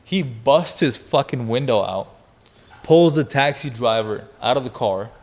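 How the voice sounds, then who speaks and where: A man in his twenties, guesting on a podcast, shares a crazy story in an easygoing chat, energetic, foul-mouthed and laughing as he goes. His mid-range voice moves at a measured pace.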